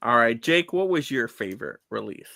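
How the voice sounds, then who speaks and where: Animated man hosting a live show. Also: medium pitch, vocal fry, slight background noise. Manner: playful teasing, drawn-out build-up; animated, exclaiming. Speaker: host of a live award show. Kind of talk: lively casual live-stream hosting.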